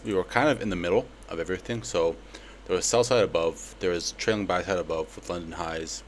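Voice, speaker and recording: A young man with a slight lisp walking through a trade in a casual, relaxed way, with lots of fillers. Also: low voice, a little hiss or hum. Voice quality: slight lisp from a palate expander. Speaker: trading educator. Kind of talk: screen-recorded trade breakdown.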